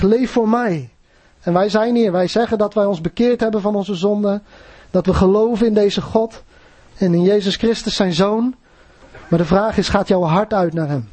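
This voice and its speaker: Man, preacher, sermon, earnest, questioning, husky, dry close sound. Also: high-pitched, darkish tone, dry recording. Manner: earnest, conversational, asks the listeners questions.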